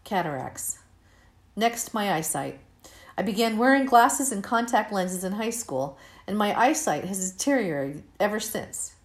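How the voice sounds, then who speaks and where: A woman in her fifties reading her own personal essay aloud in a candid, steady, measured way. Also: mid-range voice. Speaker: narrator of her own story.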